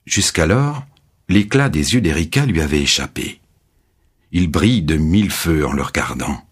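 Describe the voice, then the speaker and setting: A man narrating a graded reader story in steady, clear storytelling. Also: rumbling low, moderate pace.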